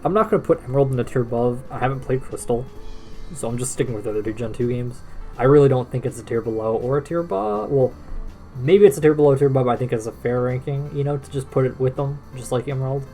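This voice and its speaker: A man's voice: medium pitch, fast. A tired man talking casually and rambling about games, often restarting his sentences. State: tired, yawning. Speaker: gaming video creator. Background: soft background music.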